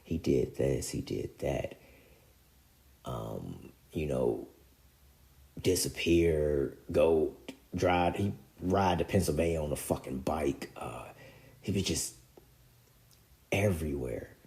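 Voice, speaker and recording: A man's voice: very deep voice, lively intonation, slow, vocal fry, pauses often, darkish tone. A man telling a painful personal story in casual slang, his voice sinking to near-whispers at the hardest moments. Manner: emotional, drops to near-whispers in heavy moments; casual street slang, repeats filler phrases.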